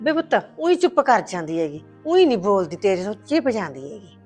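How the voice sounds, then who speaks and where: An actress playing a bossy, sharp-tongued middle-aged mother-in-law in a short film drama, talking in a scolding, two-faced way. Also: medium pitch, sing-song, fairly quick, soft background music. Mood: pleading, plaintive.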